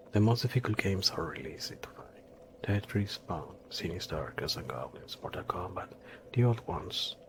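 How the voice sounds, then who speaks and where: A man narrating a scripted game review in a dry, sarcastic manner, with a gravelly voice. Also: deep voice.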